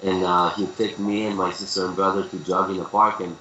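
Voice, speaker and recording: Interview guest, man, Israeli accent, low and relaxed, roomy dull remote audio. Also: a little fast, slight background noise. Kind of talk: conversational interview. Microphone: video call.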